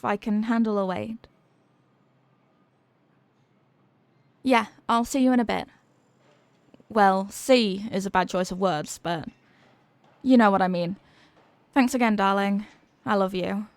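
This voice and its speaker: In an intimate ASMR-style roleplay, a woman voices an affectionate headless horsewoman girlfriend who is centuries old yet sheepish and klutzy, explaining herself in gentle rambles with a grateful warmth. Her fairly high, natural voice sits in a dry, close space with no room sound.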